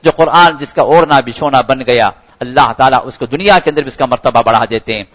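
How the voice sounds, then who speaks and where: A man's voice: mid-range voice, fairly bright tone, dull audio. A man giving a Ramadan sermon, earnest and repetitive, his voice rising sharply for emphasis. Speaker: preacher.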